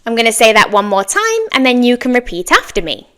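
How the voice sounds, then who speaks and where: A woman's voice: on the high side, big pitch swings, a little fast, fairly bright tone. A woman presenting a scripted English lesson for learners, enunciating carefully and stressing key words in an instructional way.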